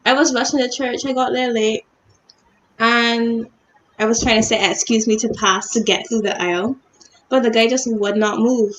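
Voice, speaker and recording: High-voiced young woman co-hosting. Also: fairly even intonation, normal speed, a bit bright, low-quality recording. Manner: chatty storytelling with frequent laughs. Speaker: youth show co-host. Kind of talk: casual panel chat.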